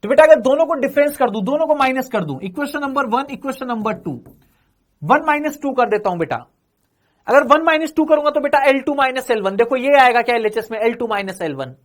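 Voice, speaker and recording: A man's voice: extremely high pitch, lively intonation, fairly quick. A male physics teacher giving an exam-prep lecture. He keeps calling students "beta", asks them questions and answers them himself, and repeats each phrase several times.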